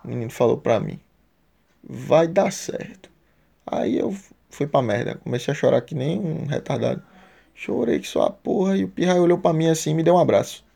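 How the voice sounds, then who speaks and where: A man's voice: on the high side, fast, vocal fry, warm tone. A man telling a personal story casually, emotional and heartfelt, with a lot of slang.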